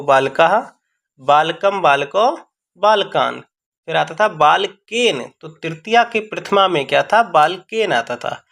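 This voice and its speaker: A man teaching a grammar lesson, explaining step by step and slowly repeating words for pronunciation drills. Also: a little high, a bit bright.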